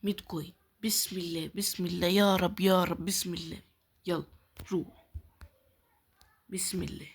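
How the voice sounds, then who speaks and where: Husky Egyptian woman gamer muttering prayers. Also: on the low side, steady tone, moderate pace, long pauses. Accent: Egyptian Arabic. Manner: pleading, muttering prayers, drops to whispers. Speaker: gaming YouTuber. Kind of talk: casual gameplay commentary.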